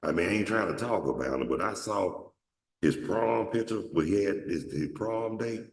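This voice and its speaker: Animated and at normal speed, an Atlanta, Georgia show host tells stories in a casual monologue. His deep voice rambles and swears, restarting often, while a far-off mic picks him up in an echoey room.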